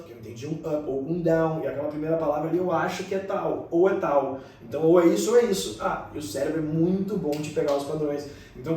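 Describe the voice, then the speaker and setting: A man's voice: on the high side, darkish tone, a little hiss or hum. A man, an English pronunciation teacher, chatting casually and often tagging sentences with questions. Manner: fast-talking, many tag questions. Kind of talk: casual conversation. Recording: echoey room from a distance.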